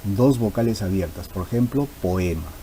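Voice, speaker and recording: Male teacher, warm low voice, patient and repetitive, faint hiss behind. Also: expressive, normal speed, low-quality recording. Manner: patient, repeats key terms for emphasis. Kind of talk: explanatory grammar lesson.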